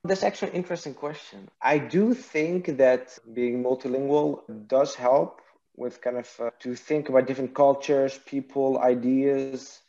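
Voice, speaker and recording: A man from Iraq who speaks, answering interview questions in a thoughtful, hesitant way. His voice is mellow and dark, and the sound is slightly dull and lo-fi, like remote call audio. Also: medium pitch, steady tone, normal speed. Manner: thoughtful, hesitant, many restarts and fillers. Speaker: guest, partnerships and marketing executive.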